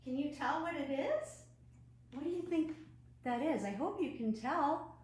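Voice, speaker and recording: This is a librarian's online storytime for children, recorded indoors at home, combining a read-aloud with a craft demonstration. She speaks slowly in a highish voice, with plenty of animation and frequent questions to her young audience, while the roomy echo and faint background noise are easy to notice.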